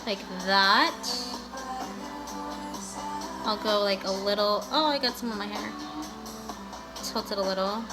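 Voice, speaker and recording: A woman's voice: medium pitch, steady tone, normal speed, rough recording. A woman giving a casual, chatty makeup tutorial in a bubbly, gushing, playful way, peppering her talk with filler slang like a vlogger. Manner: bubbly and gushing, with valley-girl style "like" and "guys"; playful, breaks into sing-song bits and exclamations. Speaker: beauty vlogger. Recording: music playing behind the voice. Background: music.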